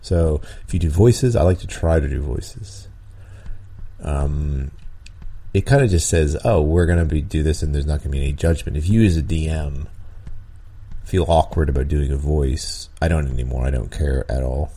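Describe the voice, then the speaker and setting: This podcast host and dungeon master has a rumbling low, mellow, husky voice at a moderate pace. His game-master tips wander along loosely, broken by frequent chuckles, ums, and restarts.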